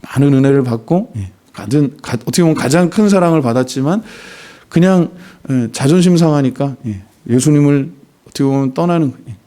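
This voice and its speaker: A man's voice: medium pitch, animated, fairly quick, dark tone. A male pastor giving a sermon in a conversational way, often dropping short affirming fillers between phrases. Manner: conversational preaching, frequent "예" fillers.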